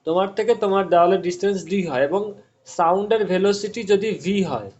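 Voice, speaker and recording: A man's voice: high voice, quick pace, a little mellow, dull audio. A male physics teacher giving an online class, explaining step by step and often stopping to quiz his students.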